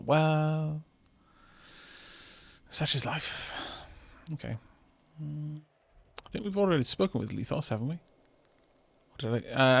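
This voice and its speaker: Brief: male streamer, wry and chatty, with a lively, rising and falling voice. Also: on the high side, vocal fry, no echo. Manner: wry, reads game text aloud, mutters asides. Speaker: streamer playing a video game. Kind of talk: casual let's-play commentary.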